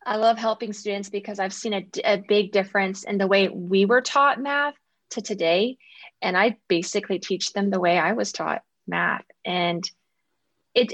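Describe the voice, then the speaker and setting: A woman's voice: medium pitch, fairly bright tone, no echo. A young adult woman guest, a math coach, speaking in a casual interview with an enthusiastic, earnest manner.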